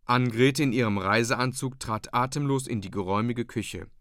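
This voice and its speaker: Male narrator, measured, even storytelling, audiobook reading, dry close sound. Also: mid-range voice, no room sound. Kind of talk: scripted narration of a classic novella.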